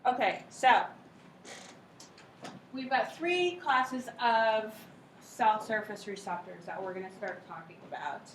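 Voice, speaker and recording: A woman's voice: medium pitch, slow pace. A woman professor giving an informal, conversational lecture in a lecture hall, checking in with her students. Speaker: university lecturer. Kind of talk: classroom lecture on cell biology with questions to students. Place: lecture hall or classroom, recorded from some way off. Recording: roomy echo, distant mic, faint noise.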